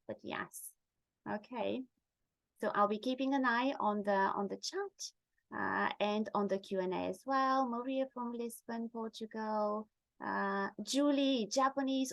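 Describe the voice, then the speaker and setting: A middle-aged woman whose first language is Bulgarian presents an online webinar, sounding friendly and using lots of ums and uhs. Her voice is a little high, and there's no room sound.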